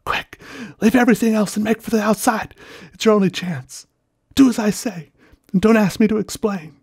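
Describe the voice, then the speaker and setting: A man's voice: normal speed, darkish tone, husky, no echo, studio quality. A man reading a story aloud, voicing a terrified man trapped underground who whispers shakily and then screams in despair. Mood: frantic screaming. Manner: shaky whispers rising to frantic high screams.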